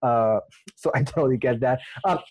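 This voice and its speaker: A man hosting a casual interview, telling animated stories and laughing often. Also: medium pitch, moderate pace, poor audio. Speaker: interviewer host. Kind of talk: casual conversation.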